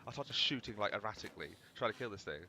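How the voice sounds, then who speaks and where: A man's voice: on the low side, animated, fast, sharp tone, a little hiss or hum. A young man rambling casually through gameplay commentary, swearing freely as he chats. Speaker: gaming channel host.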